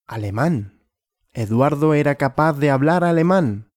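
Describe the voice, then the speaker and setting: Male language teacher, question-and-answer story lesson, slow and clear, animated pitch, dry close sound. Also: no room sound. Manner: slow, clear and repetitive, asking and answering his own questions.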